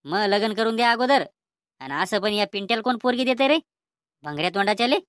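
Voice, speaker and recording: A woman's voice: medium pitch, expressive, fast talker, lightly acted. A woman doing a stubborn old grandfather. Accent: Vidarbha Marathi. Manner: gruff, threatening, defiant. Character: stubborn bossy old grandfather wanting to marry. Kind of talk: cartoon comedy voice acting.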